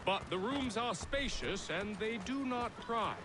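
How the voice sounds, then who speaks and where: An eager young servant answers in formal, respectful period speech. His voice sits high. Clear street sounds run under this game cutscene. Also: lively intonation, a little slow, background noise. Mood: deferential. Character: young male eager, deferential loyal servant. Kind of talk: video game cutscene dialogue.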